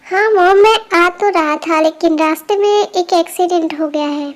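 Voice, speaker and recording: A woman doing a calm caring young man. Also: extremely high pitch, normal speed. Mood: reassuring. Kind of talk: amateur Hindi fan dub.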